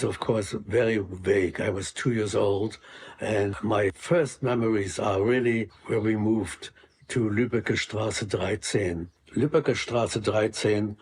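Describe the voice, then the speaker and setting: An older man from Hungary recounts his early years at an even, reflective pace. His voice sits somewhat low, and he pauses often between phrases as he remembers. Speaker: Holocaust survivor telling his story. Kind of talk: personal recollection.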